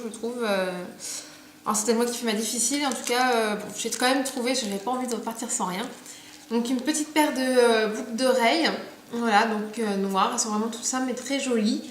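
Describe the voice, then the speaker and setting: A young woman chatting casually about her purchases, full of fillers and restarts, recorded at home. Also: a little high. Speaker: beauty vlogger. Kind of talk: casual haul video chat. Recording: echoey room, faint background noise.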